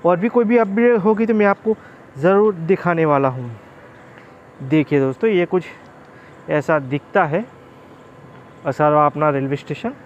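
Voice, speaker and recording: A man's voice: fairly high pitch, unhurried, long pauses, lo-fi sound. A man, narrating a casual railway travel vlog from a moving train and addressing viewers as friends. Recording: faint vehicle noise.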